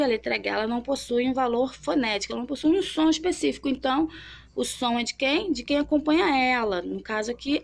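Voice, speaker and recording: A young woman with a slightly raised pitch and a gravelly edge leads a children's reading lesson. She draws while she talks, sounds out syllables slowly and often checks that the listener is following. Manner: checks in often with tag questions. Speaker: teacher.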